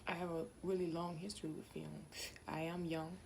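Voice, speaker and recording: A woman's voice: lowish voice, level tone, moderate pace, darkish tone, slight background noise, poor audio. A woman, chatting casually and rambling to camera in a home vlog. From Louisiana, USA. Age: 20s. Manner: rambling, chatty, self-focused asides. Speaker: vlogger. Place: home, indoors.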